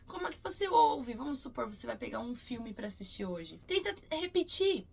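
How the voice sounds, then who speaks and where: A Brazilian woman in her thirties teaching English in a casual video, patiently repeating example words slowly. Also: on the high side, very animated, gravelly, breathy edge. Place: cruise ship.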